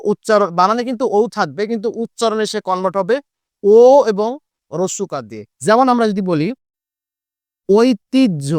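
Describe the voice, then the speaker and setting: Male teacher with a Bangladeshi accent: high, resonant, unhurried delivery that spells out example words, recorded close and dry. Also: clean tone, dry recording. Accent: Bangladeshi Bengali. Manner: slow and deliberate, stressing example words. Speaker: Bengali teacher. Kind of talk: exam-prep lesson.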